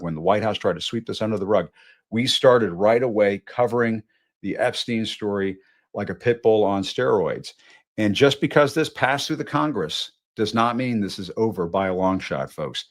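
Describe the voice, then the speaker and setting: A man in his fifties hosts a live political show. He talks in a slightly low voice, conversational but punchy, and curses now and then for emphasis. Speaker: host. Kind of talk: live news show sign-off. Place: Washington studio.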